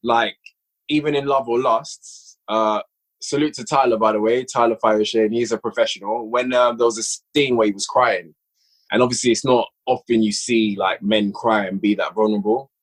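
Over a rough recording, a man with a low-ish, slightly rough voice speaks in a steady tone at normal speed. He's a podcast guest who writes and directs audio dramas, chatting casually and reflectively, repeating phrases for emphasis.

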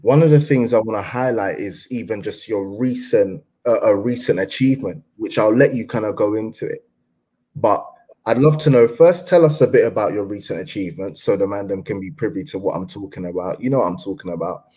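A man hosting a casual interview, encouraging his guest with lots of quiet agreement. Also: on the low side, a little fast, slightly rough. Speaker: host.

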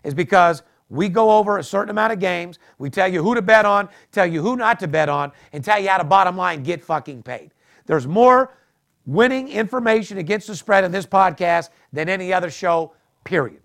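Brash, profane man with a gravelly voice. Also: sits high, expressive, brisk, fairly bright tone. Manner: boastful, profane, hard-selling. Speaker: podcast host. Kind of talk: brash sports betting podcast talk.

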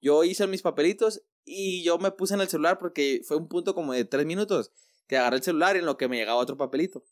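A man's voice: on the high side, fast, dry recording, clean studio sound. A man with a Mexican accent, telling a story in casual, slangy chat. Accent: Mexican Spanish.

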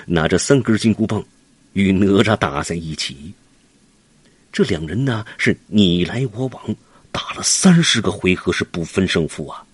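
A man's voice: fairly low pitch, a little mellow, husky, no room sound. A man narrating a classic adventure tale for children in a dramatic, vivid way. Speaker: storyteller.

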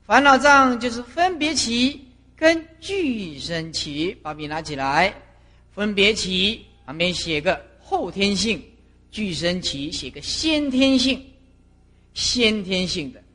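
A middle-aged woman, a Buddhist master lecturing monastic students and telling stories with lively acted-out scenes. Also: mid-range voice, slow pace. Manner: animated storyteller who acts out scenes. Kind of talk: doctrinal lecture with personal stories. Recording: reverberant lecture hall.

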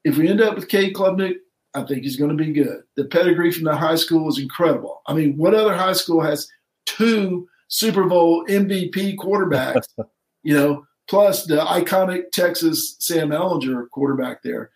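A middle-aged man talks sports in a loose, rambling way, stopping to correct himself mid-thought. His voice sits a bit high for a man. The recording has a roomy, echoey sound. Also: normal speed, darkish tone. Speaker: podcast co-host. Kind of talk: casual sports chat.

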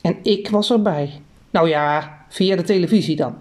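Mellow woman reading a children's story. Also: lowish voice, moderate pace. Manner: lively, expressive reading. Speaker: narrator. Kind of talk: scripted storybook narration.

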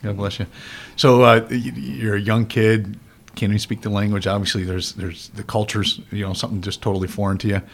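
Fast-talking low-voiced male host. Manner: warm, enthusiastic, repeats words when excited. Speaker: interview host, police officer. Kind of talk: conversational interview.

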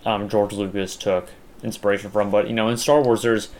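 A man's voice: lowish voice, little pitch movement, brisk, darkish tone. A young man chatting casually as a podcast co-host, rambling with lots of fillers and restarts. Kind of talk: casual chat.

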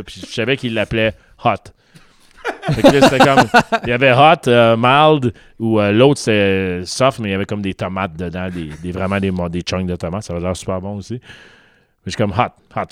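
Man, Québécois accent, casual storytelling, mixes in English words, smooth voice, dry sound. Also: on the low side, no room sound. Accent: Québécois French.

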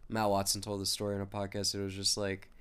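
A man's voice: fairly low pitch, quick pace, clean tone. Congested young man co-hosting a podcast. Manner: rambling storyteller, animated when excited. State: sick, congested nasal voice. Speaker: podcast co-host. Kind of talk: casual chat.

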